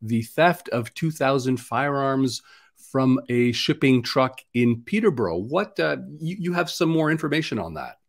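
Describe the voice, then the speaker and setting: Canadian male host, casual conversational interviewer, mid-pitch, frequent restarts. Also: lively intonation, moderate pace.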